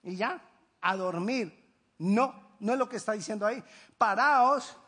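A man preaching a sermon as a pastor, emphatic, swinging between loud declarations and hushed asides. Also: high voice, moderate pace, husky.

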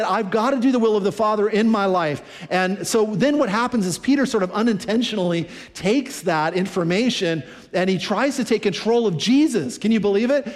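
Guy preaching a sermon, high voice, chatty, lots of restarts, big echoey church hall. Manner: conversational, with many restarts and acted-out quotes. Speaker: pastor.

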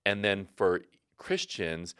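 A man's voice: low-pitched, slow pace, bright, forceful tone, clear, resonant tone. A middle-aged man, a pastor co-hosting a podcast, speaking thoughtfully with frequent restarts. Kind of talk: casual podcast conversation.

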